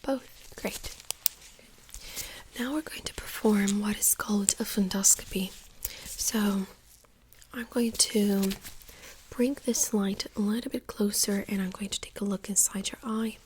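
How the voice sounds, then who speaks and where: A woman doing a whispered role-play as a doctor in a soft-spoken ASMR exam, gently giving step-by-step instructions in a breathy whisper. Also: medium pitch, fairly even intonation, unhurried, long pauses, a little hiss or hum, poor audio.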